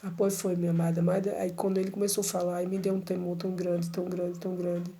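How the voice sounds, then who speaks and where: Gravelly-voiced woman giving an emotional testimony. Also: lowish voice, little pitch movement, fast talker, dark tone. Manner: emotional, repetitive, addresses listeners tenderly. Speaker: church sister giving a testimony.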